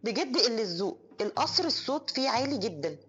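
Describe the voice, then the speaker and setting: A woman's voice: fairly high pitch, sing-song, quick pace, fairly bright tone, slightly rough, full character voice. A woman voicing an annoyed woman complaining, with an Egyptian accent. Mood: irritated. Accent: Egyptian Arabic. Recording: dull lo-fi audio.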